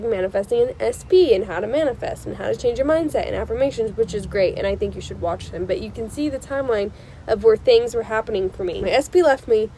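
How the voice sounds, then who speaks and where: A young woman hosts her advice vlog from a porch outside, her stuffy nose audible as cars go by. Reassuring yet insistent, she repeats points for emphasis in a fairly high, mellow voice, recorded poorly with a faint hiss or hum.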